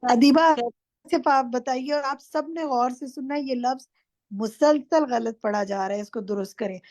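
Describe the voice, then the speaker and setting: A woman's voice: high-pitched, darkish tone, no room sound, clean studio sound. A woman teaching an online class. She questions her students and corrects them firmly. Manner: firm, corrects students directly. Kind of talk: interactive class quizzing students. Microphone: online class microphone.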